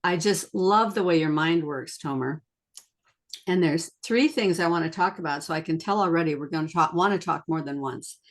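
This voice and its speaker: A woman's voice: sits low, normal speed. A woman hosting a conversational interview, effusive and enthusiastic as she introduces her guest. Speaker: podcast host.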